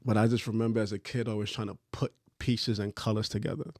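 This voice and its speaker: A man in his thirties from Trinidad, a fashion designer telling his story in a relaxed, candid, slangy podcast chat. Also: lowish voice, fast talker, dry recording, studio quality. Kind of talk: casual interview chat.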